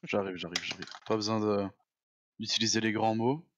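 A man joking around with his gaming squad over voice chat, playful and quick with a jab. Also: lowish voice, steady tone, highs cut off, a little hiss or hum. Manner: jokey, playful.

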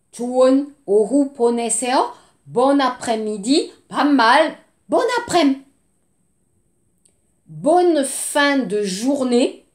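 Casting note: woman, language teacher, high bright voice, slow deliberate phrase modeling, roomy echo. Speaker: French teacher. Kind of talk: language lesson for Korean learners.

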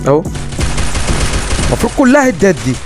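A man with an Egyptian Arabic accent comments excitedly on his own shooter match, calling out to viewers as he plays. His voice sits a little high for a man. Game music and bursts of gunfire play loudly behind him. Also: quick pace. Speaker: gaming YouTuber. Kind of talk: live gameplay commentary.

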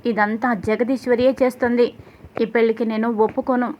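A woman's voice: fairly high pitch, little pitch movement, brisk, lo-fi sound, background noise, close to an everyday voice. A woman voicing a stern older man, the head of the family, who angrily refuses a marriage. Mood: angry refusal. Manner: angry, defiant.

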